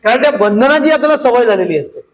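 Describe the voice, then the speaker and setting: A man giving a devotional discourse, explaining slowly and telling parables. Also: very high-pitched, lively intonation, low-quality recording. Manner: explains slowly, tells stories, chants verses drawn out. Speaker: spiritual teacher.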